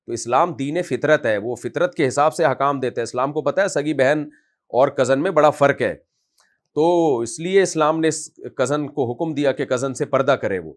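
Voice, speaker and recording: A man, an Islamic scholar, answering a question in a conversational religious talk, scolding and forceful in manner. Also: mid-range voice.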